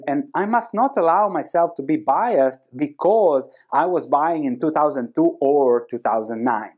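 The host of an investing video channel, a thirties-aged native Croatian speaker with a Croatian accent, gives an animated book summary straight to camera. His pitch is fairly high, and he repeats points emphatically in a chatty, explanatory style. He records in a small room with bookshelves using a lapel mic.

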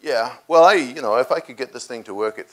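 An older man in a large lecture hall, answering audience questions on a lapel mic, halting with many restarts. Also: mid-range voice. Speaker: guest speaker taking audience questions.

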